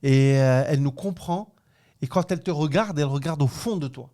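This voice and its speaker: Thirties man from Morocco, podcast co-host; frank, laughing storyteller with a somewhat high voice. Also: normal speed. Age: 30s. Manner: animated storyteller, laughs often, slangy and frank. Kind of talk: casual chat.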